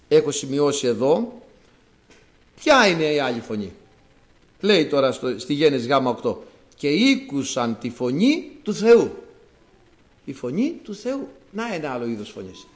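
Male preacher from Greece, high-ish voice, swings wide in pitch, emphatic sermon delivery. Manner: animated, rising to emphatic outbursts.

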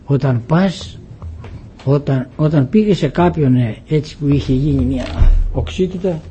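An older man preaching a sermon, animated and emphatic, acting out little dialogues and rising to loud exclamations. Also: on the high side, slight background noise, low-quality recording.

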